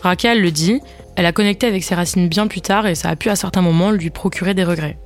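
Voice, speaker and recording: A podcast host reading a scripted explanatory segment in a steady, explaining manner. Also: mid-range voice, fast, faint music behind. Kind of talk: scripted narration.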